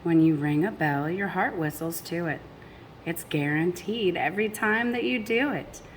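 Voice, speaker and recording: A storybook reader with a lowish voice reads a picture book aloud to children at a normal speed, expressive and speaking straight to her young listeners with chatty asides. There's slight background noise.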